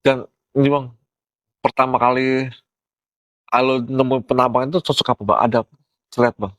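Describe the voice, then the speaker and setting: A man's voice: mid-range voice, steady tone, moderate pace, fairly bright tone, no room sound, poor audio. A young man with a Jakarta Indonesian accent hosting a casual chat, asking informal, inquisitive questions. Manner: informal, inquisitive, brief interjections. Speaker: vlog host asking questions.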